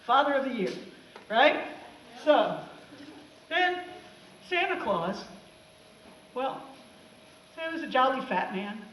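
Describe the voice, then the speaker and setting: A woman teacher jokes sarcastically through a film for her class, her voice high. She sounds far from the mic in an echoey classroom, with faint noise behind. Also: slow, pauses often. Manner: sarcastic, animated. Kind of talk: comic classroom talk over film clips.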